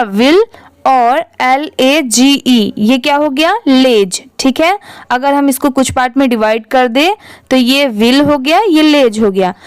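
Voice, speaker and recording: A high-voiced woman teaches English reading at an unhurried pace. She spells each word out letter by letter, blends the parts together and patiently repeats the result. The recording is dry, with no room sound. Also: no room sound. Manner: spells words letter by letter, then blends them. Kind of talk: slow spelling-out lesson.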